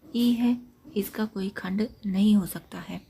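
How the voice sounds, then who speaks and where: A woman teaching an exam-prep grammar lesson, explaining point by point and repeating key facts, with trailing syllables that drop to a breathy near-whisper. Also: mid-range voice, fairly even intonation, slow pace, dark tone. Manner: repetitive, explains points step by step.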